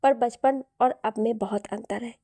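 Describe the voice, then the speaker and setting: A woman voicing a shy young woman from a love story, speaking softly. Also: on the high side, fairly even intonation, unhurried.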